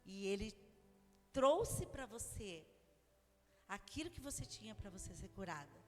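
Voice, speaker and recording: A woman's voice: mid-range voice, sing-song, a little slow, a little mellow. A woman with a Brazilian Portuguese accent preaching a sermon, telling stories in a chatty way with many asides. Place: church. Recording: long church hall reverb, faint music.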